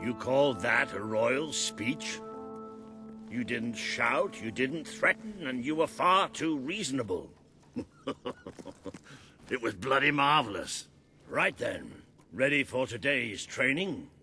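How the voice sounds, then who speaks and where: A gruff old British soldier mentoring a young royal in a fantasy game. He is hearty, blunt and booming, speaking at a middling pitch over faint music. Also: animated, takes it slowly, pushed and bright. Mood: hearty teasing. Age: older. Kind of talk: video game voice acting. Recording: background music.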